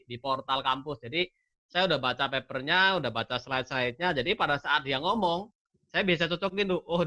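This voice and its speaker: High bright-voiced man giving earnest advice. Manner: earnest, explanatory, uses rhetorical questions. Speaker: scholarship awardee guest. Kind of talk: casual advice talk.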